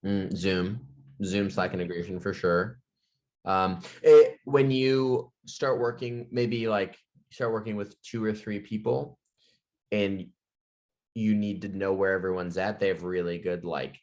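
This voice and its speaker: A man co-hosting a podcast in casual chat, speaking haltingly with many "um" and "like" fillers. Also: lowish voice, a little mellow. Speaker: podcast co-host.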